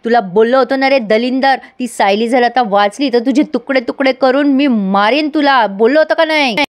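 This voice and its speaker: A furious gang boss hurls threats and insults, as a woman reads his lines in her own high voice. He sounds crude and menacing, spitting out every word. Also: normal speed, close to an everyday voice. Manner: shouting insults.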